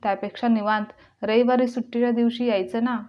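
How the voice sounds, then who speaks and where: A woman voicing a soft-spoken daughter-in-law who answers politely. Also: fairly high pitch, fairly even intonation, a little fast, close to an everyday voice. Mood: placating. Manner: polite, placating. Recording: dull lo-fi recording.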